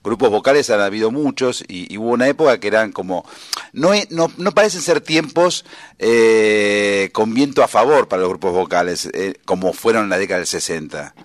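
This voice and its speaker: Host, rioplatense man, low dry voice, laid-back questions. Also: expressive, brisk, dry recording. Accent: Rioplatense Spanish. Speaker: radio host. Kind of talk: casual interview chat.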